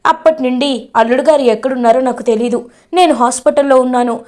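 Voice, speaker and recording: A woman's voice: high-pitched, fast talker, darkish tone, natural voice. A woman voicing an injured man sadly explaining what happened. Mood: sorrowful. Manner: sad, explaining. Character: injured middle-aged man, sorrowful.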